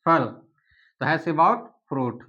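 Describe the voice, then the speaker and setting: A man teaching an English grammar lesson, asking the viewer questions and saying English examples slowly. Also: fairly high pitch, expressive, pushed and bright, lo-fi sound.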